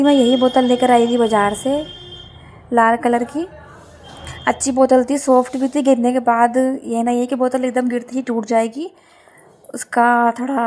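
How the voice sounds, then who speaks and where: A young woman with a hoarse, heavy voice from a sore throat, chatting casually and rambling through her day in a home vlog, often grumbling and correcting herself. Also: a little high, darkish tone, slight background noise. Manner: rambling, complaining, self-correcting. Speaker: home vlogger.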